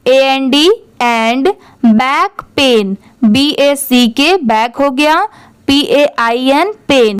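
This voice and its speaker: A woman teaching English reading in a phonics lesson. She spells words out letter by letter, asks what they read as, and answers herself. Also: high-pitched. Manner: reads English sentences very slowly and deliberately. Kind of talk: Hindi-language phonics lesson.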